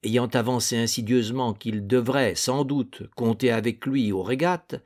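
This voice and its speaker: A man narrating a literary novel in a measured, deliberate reading. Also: medium pitch, steady tone, darkish tone. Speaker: audiobook narrator.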